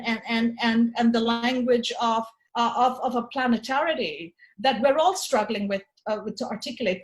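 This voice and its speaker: On poor audio, a woman from Tanzania with a higher-pitched voice presents her book in an academic talk, acting as both author and host. Her delivery is reflective and tentative, with many restarts and fillers.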